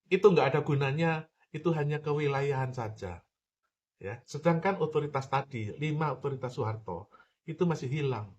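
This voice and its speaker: A man's voice: on the high side, normal speed, darkish tone, dull audio. Emphatic man lecturing on politics. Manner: emphatic, repeats points, addresses listener directly. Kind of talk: political commentary monologue.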